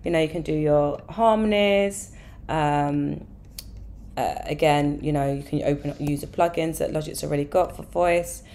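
A woman with a hoarse voice, walking through a music software tutorial step by step, with fillers and easy asides. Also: low-pitched, moderate pace. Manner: relaxed step-by-step explaining with fillers.

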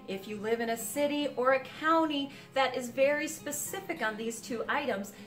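A woman in her forties hosts a home renovation series, speaking in a polished, upbeat presenter voice set a little high. She walks through a gutted house and records on a lapel mic. Light music plays faintly under her. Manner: upbeat, clear presenter delivery. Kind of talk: scripted presenting to camera.

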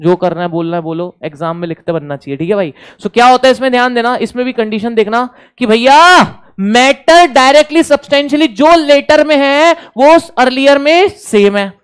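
Lively Indian male teacher, smooth voice. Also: extremely high pitch, normal speed, hardly any pauses. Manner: lively, repeats key points and quizzes students; jokes with the class. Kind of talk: exam revision lecture.

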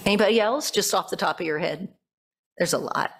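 Speaking brisk and medium-pitched, with a fairly bright tone and a little hiss or hum in the audio, this middle-aged American pastor delivers a reflective sermon phrase by phrase. She questions her congregation from the pulpit through a gooseneck mic.

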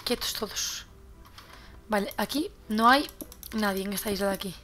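Bright chatty young Spanish woman gamer. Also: mid-range voice, moderate pace, faint music behind. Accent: Spain. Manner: chatty, repeats words while looting, swears when surprised. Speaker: gaming youtuber. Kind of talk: casual gameplay commentary.

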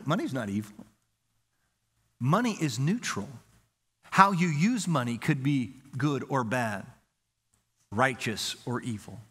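A man's voice: on the high side, bright, forceful tone, husky. A man preaching a sermon as pastor, earnest and repetitive, asking the congregation rhetorical questions. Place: church sanctuary.

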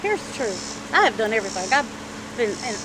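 A middle-aged woman chatting candidly in a street interview, animated and talkative, in an outdoor parking lot. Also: on the high side, brisk, poor audio. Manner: animated, chatty, acts out quoted voices. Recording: street noise in the background.

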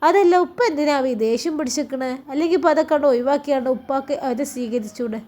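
A woman voicing a grown son who calmly reasons with his mother, in a Malappuram Malayalam accent. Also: high-pitched, fast, lightly acted. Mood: reassuring.

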